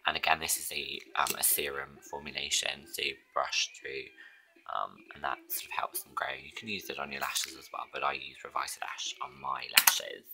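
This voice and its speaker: Chatting through his get-ready-with-me routine, this beauty vlogger speaks at normal speed in a very deep, husky, and hoarse voice with flat delivery. He rambles and frequently drops to a whisper, with background noise behind him.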